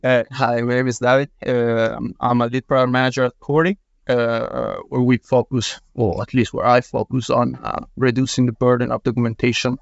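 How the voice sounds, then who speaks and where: An Italian-accented man speaks as a guest on a podcast panel. His voice is gravelly and his talk is halting, full of small pauses. The sound is dry and a little muffled. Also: medium pitch, level tone, no room sound. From Italy. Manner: hesitant, with frequent uhs. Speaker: guest, product manager. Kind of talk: casual panel chat. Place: podcast room. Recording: slightly muffled podcast recording.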